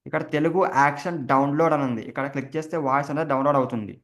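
A man walks viewers through a software setup, talking quickly. He names every key he presses as he goes. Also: on the high side. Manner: explains each keystroke as he goes. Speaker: tech tutorial host. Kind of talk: step-by-step screen recording tutorial.

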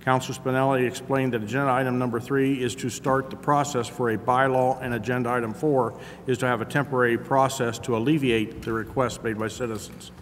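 Man, middle-pitched voice, town councilor, formal minutes reading, echoey noisy chamber. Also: level tone, fairly quick, hardly any pauses. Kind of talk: reading meeting minutes aloud. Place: large indoor council chamber. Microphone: gooseneck desk microphone.

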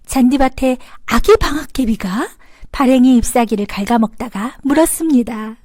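A woman's voice: high voice, moderate pace, a little mellow, no room sound, studio quality. A woman storyteller reading a scripted children's story as narrator. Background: background music.

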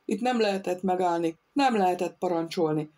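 A woman narrating an audiobook in a steady, measured storytelling voice. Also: fairly low pitch. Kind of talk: scripted narration.

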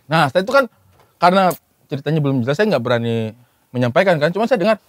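A man's voice: fairly high pitch, very animated, rapid-fire, no echo. A man playing a neighborhood head in a comedic sketch, insistently repeating his denials.

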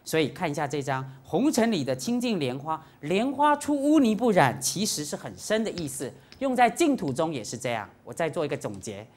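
Woman Buddhist teacher, lecture, lively pitch swings, soft murmured chanting. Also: fairly quick, few pauses. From Singapore. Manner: lively, animated, chants the Buddha's name softly to demonstrate. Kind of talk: Dharma lecture. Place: lecture hall.

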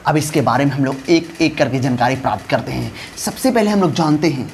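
A man's voice: medium pitch, animated, a little fast, slight background noise. Emphatic man teaching grammar, repeating terms. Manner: emphatic, repeats key terms, drills students. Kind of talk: classroom lecture mixing Hindi and English.

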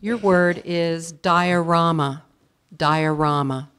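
A woman serving as a spelling bee pronouncer in a school auditorium, saying each word slowly and deliberately and reading out definitions. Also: lowish voice, fairly even intonation, fairly bright tone. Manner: slow, deliberate, repeats each word clearly.

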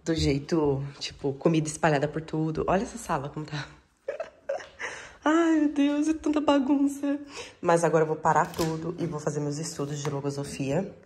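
A woman's voice: low voice, moderate pace, darkish tone. A woman chatting casually to camera, affectionate and laughing often, filmed in her car and at home. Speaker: vlogger and mother. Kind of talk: casual vlog chat.

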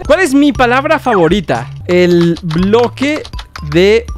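A man giving excitable gameplay commentary, reading on-screen text aloud and shouting in alarm. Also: high-pitched, slow pace, soft background music. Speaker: gaming YouTuber.

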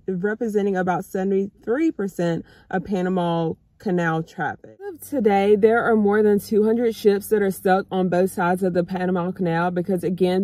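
A woman in her thirties from the United States vlogs from a parked car, chatting casually to camera and calling her viewers y'all. Her medium-pitched voice sounds mellow, and the recording from a phone camera on the dashboard is dry.

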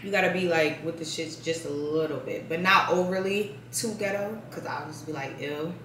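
A woman's voice: fairly low pitch, moderate pace, a bit bright, slight background noise. A young woman vlogger chatting casually while she eats, saying "like" constantly. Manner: chatty, heavy use of "like", talks while eating. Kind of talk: casual mukbang chat. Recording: echoey room, mic at a distance.

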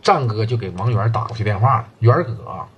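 A man with a Northeastern Mandarin accent telling a gangland tale in colloquial, animated storytelling style, slipping into characters' voices. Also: on the low side, fast talker, lo-fi sound, slight background noise. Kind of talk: oral crime storytelling.

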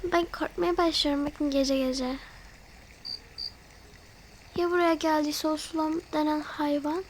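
A woman's voice: high voice, steady tone, a little slow, a little hiss or hum. A woman hosting her channel, chatty and easily frightened, talking straight to her viewers while she voices a role-play over a mobile game. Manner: easily frightened, gasping and fretting. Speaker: channel host.

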